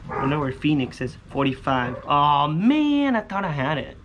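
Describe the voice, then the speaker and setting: A man's voice: on the high side, big pitch swings, moderate pace, lo-fi sound. A man in his thirties chatting casually to viewers outdoors, slangy and repetitive, muttering hopefully to himself. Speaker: vlogger scratching lottery tickets. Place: outdoors on a covered poolside patio. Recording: outdoor ambient noise.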